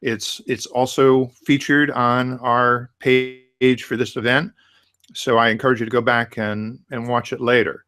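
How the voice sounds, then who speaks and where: A man of medium pitch hosts a webinar interview over a video call. He introduces his guest and asks questions haltingly, often repeating words as he goes. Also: flat delivery, fairly bright tone. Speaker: webinar host.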